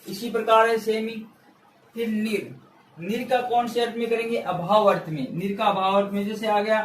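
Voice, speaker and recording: A male teacher with a high-pitched, slightly bright voice gives an exam-prep grammar lesson step by step, repeating key words and asking questions he answers himself. He's in a room with a board he writes on, recorded with a far-off mic in an echoey space, with a little hiss or hum.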